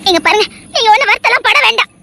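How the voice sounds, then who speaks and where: A woman's voice: very high voice, very fast, gravelly, bright, forceful tone, exaggerated voice. A woman voicing a fiercely devoted young wife who pleads in a tearful, vehement way. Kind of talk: dramatic audio story acting.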